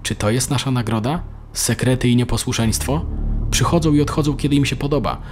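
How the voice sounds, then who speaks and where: A man's voice: mid-range voice, brisk, a little hiss or hum, lightly acted. A man voicing a worried middle-aged mother in a storybook reading. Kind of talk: storybook narration.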